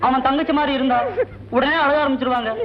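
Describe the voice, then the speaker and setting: A scheming young student friend who talks quickly and pushes the others along. His voice runs high and rapid. It comes from a muffled 1980s film soundtrack. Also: fairly even intonation. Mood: plotting.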